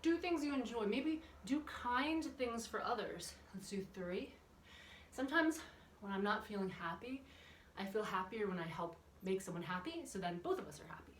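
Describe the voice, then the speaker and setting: With an animated, mid-range voice at a moderate pace, this woman guides children through a workout. As a kids' exercise and yoga teacher, she keeps up a chatty, encouraging stream of instructions and questions for her young audience. The sound is distant and echoey, with noise in the background.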